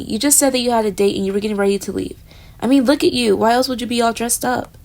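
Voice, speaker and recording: A young woman plays a flustered, jealous roommate in a romantic audio roleplay, speaking directly to the listener and fading into soft murmurs. Her voice sits high and carries vocal fry.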